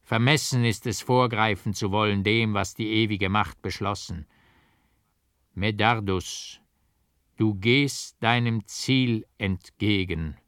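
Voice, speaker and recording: A man voicing a mysterious male painter who speaks in slow, solemn, raised tones, in a low voice and a dry room. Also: fairly bright tone, clear, resonant tone, no room sound.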